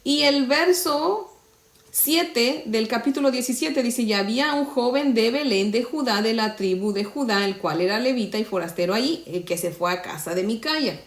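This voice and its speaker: A woman's voice: a little high, normal speed, echoey room. A woman from Mexico, teaching the Bible to women in a conversational devotional style and often checking in with her listeners. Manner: conversational, often asks "¿verdad?".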